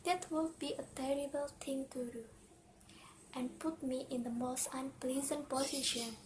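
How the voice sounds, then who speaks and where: Anxious, defensive wife with a secret for a stage drama, acted by a woman; high-pitched, earnest, theatrical, faintly noisy recording. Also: steady tone, normal speed, close to an everyday voice. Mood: alarmed, defiant. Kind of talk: amateur dramatic reading of a stage play.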